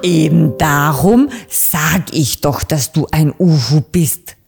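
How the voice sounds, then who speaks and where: A woman voicing a stern old female raven councillor in a children's storybook, with a deep, creaky, booming voice. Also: takes it slowly, over music, full character voice. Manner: booming, scolding.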